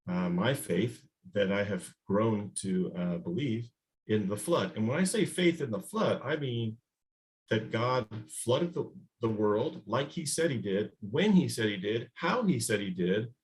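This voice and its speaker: A man giving a slide presentation as a guest scientist on a video call, halting, with many fillers and restarts. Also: on the low side. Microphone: video call microphone.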